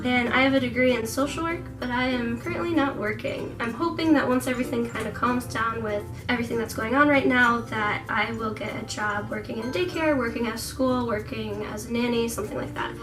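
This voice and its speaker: Woman in her twenties from the Netherlands, chatty vlog co-host with a light, higher voice and frequent giggles, set a little back from the mic over loud music. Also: a little fast, hardly any pauses, distant mic, rough recording. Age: 20s. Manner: chatty and giggly, laughs often. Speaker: vlogger co-host. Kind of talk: casual Q&A chat.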